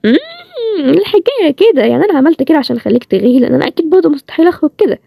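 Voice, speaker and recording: A woman doing a teasing young heroine, Egyptian accent, quick talker, dark mellow tone, dry close sound. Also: very animated, creaky, dry recording, exaggerated voice. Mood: playful. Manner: bantering, quick, higher-pitched. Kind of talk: storybook role-play series.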